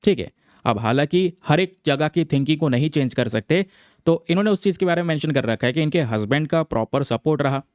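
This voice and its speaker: Pitched on the high side, his delivery is animated and a little fast, with a darkish tone and studio-quality audio free of room sound. Speaking to exam students as friends, he breaks down a newspaper article conversationally, checking in frequently. Hindi mixed with English terms, plus a recurring "theek hai," marks his style.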